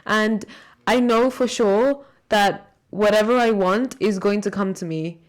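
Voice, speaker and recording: A woman's voice: mid-range voice, a little slow. A woman with a blended transatlantic accent, chatting earnestly and reflectively on the radio, checking that listeners follow her. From raised in Malawi, then Sharjah. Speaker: radio show guest. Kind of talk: casual, reflective radio chat.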